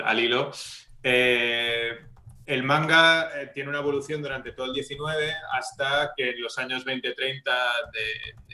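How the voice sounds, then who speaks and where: Male panelist, lecturing tone, bright forceful voice, roomy echo. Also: mid-range voice. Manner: lecturing, many fillers and restarts. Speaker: debate panelist. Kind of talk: casual panel discussion. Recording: echoey room.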